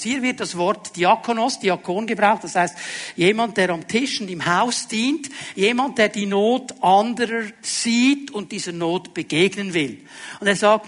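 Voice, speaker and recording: Preaching to his congregation, a high-voiced male pastor asks rhetorical questions and lowers his voice to a hush when he wants to stress a point.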